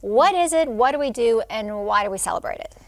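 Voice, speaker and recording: A woman hosting a TV studio interview, asking measured, polished questions. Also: fairly high pitch, animated, no echo. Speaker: TV host. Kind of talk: broadcast interview.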